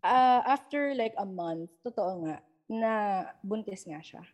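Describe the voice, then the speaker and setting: A woman's voice: medium pitch, slow. A young Filipina woman casually recounting personal paranormal experiences, switching into English and acting out quoted dialogue. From Philippines. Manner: mixes English into Tagalog, animated retelling with quoted dialogue. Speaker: guest storyteller. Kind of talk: casual storytelling chat.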